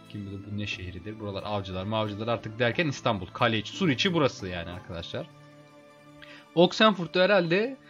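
A man casually commenting on a video game as he plays, chatting with his viewers as friends and getting excited in fights. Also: lowish voice, dull audio. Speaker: let's play host.

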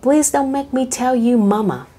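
A young bride pleads with her mother in a tearful way, as read by a woman. The voice is husky, and the reading is unhurried. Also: high-pitched, warm tone, voice pushed up.

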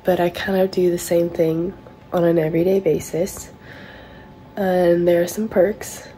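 Her delivery is flat and measured, the voice on the low side and mellow. A woman in her twenties from Hawaii who plays tennis professionally, she chats casually to camera while getting ready in a small bathroom, rambling and making self-mocking remarks. The built-in camera mic of a close-up laptop or phone picks up an echoey, low-quality sound with a little hiss or hum.

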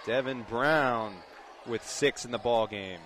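Slow and mid-range, a young man's voice delivers live radio play-by-play as announcer for a basketball game. The setting is an indoor high school gym, and game noise and a bouncing ball come through clearly behind him.

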